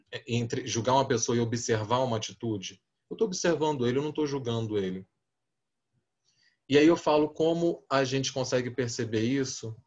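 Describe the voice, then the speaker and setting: Brazilian man, mid-pitched spiritist speaker with a restrained deep voice, casual storytelling manner, dull lo-fi audio. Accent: Brazilian Portuguese. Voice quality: deep booming voice held back to a gentler volume. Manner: conversational and anecdotal, acting out quoted exchanges. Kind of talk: talk to a spiritist audience.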